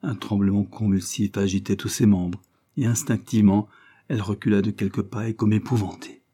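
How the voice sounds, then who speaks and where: A man narrating a novel as an audiobook reader, in an even, steady reading. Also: lowish voice, a little fast, husky. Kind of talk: scripted narration.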